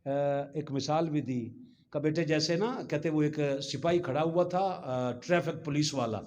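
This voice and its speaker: A high-pitched man delivers a Friday sermon in a mosque, speaking. He switches between soft storytelling and loud, shouted peaks, acting out the voices he quotes. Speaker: preacher.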